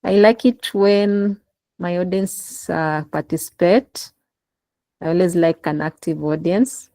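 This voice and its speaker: A woman's voice: on the low side, fairly even intonation, slow pace, dark tone, no echo, low-quality recording. A woman leading an online class session over a laptop call, encouraging her listeners to take part. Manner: encouraging, prompting participation. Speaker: instructor. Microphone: laptop in a video call.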